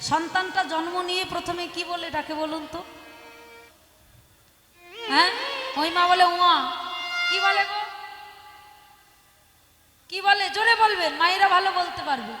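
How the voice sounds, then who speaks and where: A woman giving a devotional kirtan sermon, questioning the audience as mothers, swinging from soft talk to loud calls. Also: very high-pitched, fairly even intonation, normal speed, pauses often. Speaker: kirtan preacher. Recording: echoey hall with music behind. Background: instruments playing.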